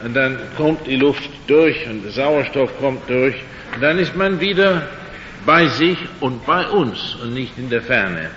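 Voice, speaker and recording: With an expressive, slightly bright voice, an older lecturer speaks German as a second language in an evening talk about creation and faith. He is slow and halting, using many fillers and a dry wit, captured in a dull, echoey hall with a faint rumble.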